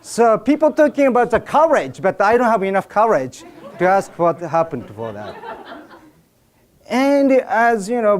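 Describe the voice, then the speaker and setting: A man with a Japanese accent, a native Japanese speaker, giving a joking seminar talk and directing a live audience. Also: high voice.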